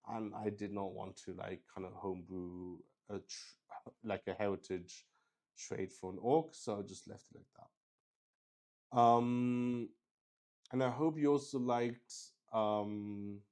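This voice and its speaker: Slow and steady in tone, this darkish voice on the low side belongs to a man running a solo tabletop game stream. He chats casually and unscripted, rambling and frequently starting his sentences over.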